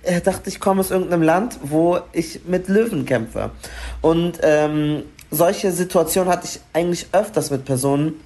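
A woman's voice: fairly low pitch, normal speed, mellow. A woman speaking frankly in a casual discussion, telling personal stories with frequent restarts.

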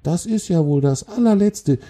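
A man's voice: on the high side, lively intonation, moderate pace, dark tone, pitched above the performer's own voice. A man voicing a tiny, cross female forest spider who scolds and grumbles impatiently, in a spoken children's story. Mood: indignant scolding.

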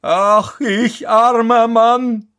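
A man's voice: medium pitch, big pitch swings, slow, pitched above the performer's own voice, full character voice. A man playing a stubborn, self-pitying male carter in a spoken fairy tale, grumbling dismissively and wailing over his losses.

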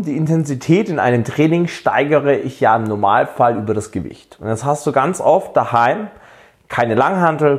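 A man's voice: medium pitch, a little mellow. A man giving fitness coaching straight to the viewer, explaining home workouts and asking direct questions to push motivation. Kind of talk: direct-to-camera fitness advice.

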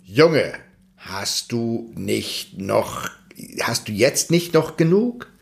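A man voicing the good old moon in a children's story, asking the same gentle, admonishing question. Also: mid-range voice, expressive, very slow, vocal fry, full character voice.

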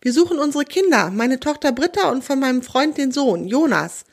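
A woman's voice: on the high side, normal speed. Woman doing a worried adult father, urgent, anxious, storybook. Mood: panicked. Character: panicked adult father searching for his child.

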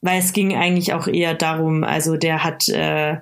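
A woman recounting a personal experience in a casual conversation, pausing often with fillers and starting sentences over. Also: low-pitched, level tone, vocal fry. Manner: halting, many fillers and restarts. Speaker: interview guest.

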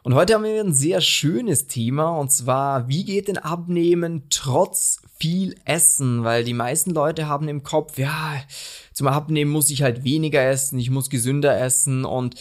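A man's voice: a little high, normal speed. A man hosting a podcast, introducing topics in a friendly, conversational way. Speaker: podcast host. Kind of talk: casual podcast talk.

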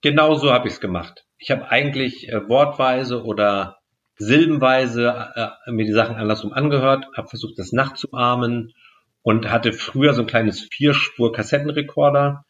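A man being interviewed as a guest, explaining at length in a measured way with frequent fillers. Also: mid-range voice, a bit bright, dull audio. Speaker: guest speaker and magician. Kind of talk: podcast interview answers.

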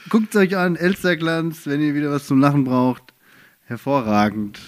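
A man's voice: fairly high pitch, normal speed. A man co-hosting a casual podcast, chatty and joking, laughing easily. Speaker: podcast co-host.

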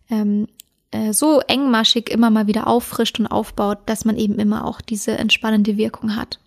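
A woman hosting a dog-training podcast, explaining calmly with many fillers and self-corrections. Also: on the high side, vocal fry. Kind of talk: casual instructional podcast talk.

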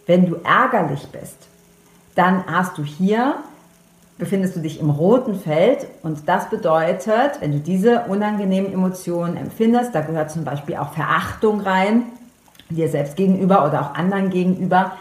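A woman coach explaining to the listener in an earnest, direct way, repeating her key points. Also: on the low side. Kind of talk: explanatory monologue to the viewer. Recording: echoey room.

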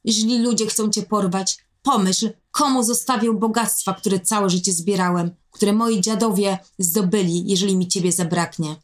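A woman's voice: mid-range voice, steady tone, moderate pace, few pauses, close to an everyday voice. A woman reading a storybook voices a wealthy, angry father who scolds his daughter. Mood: stern. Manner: scolding, reproachful. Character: rich stern father, angry and possessive. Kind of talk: storybook narration.

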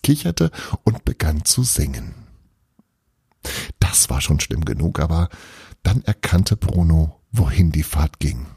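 Man, storybook narration, gravelly, warm dark tone, lively pitch, dry close recording. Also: no room sound. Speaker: audiobook narrator.

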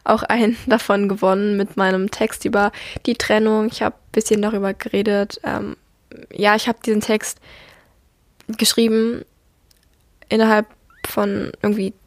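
A woman's voice: mid-range voice, flat delivery, normal speed, no echo. A young woman talking casually and personally as a podcast host, in an earnest, reflective, somewhat subdued manner. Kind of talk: personal monologue, casual confiding talk.

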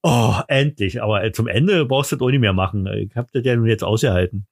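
A man with a German accent hosting a podcast in casual, teasing, excitable banter. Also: on the low side, brisk, vocal fry. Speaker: podcast host.

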